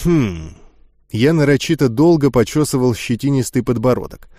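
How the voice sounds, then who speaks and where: A man calmly narrating a first-person fantasy audiobook with a wry edge. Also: mid-range voice, moderate pace, no echo, studio quality.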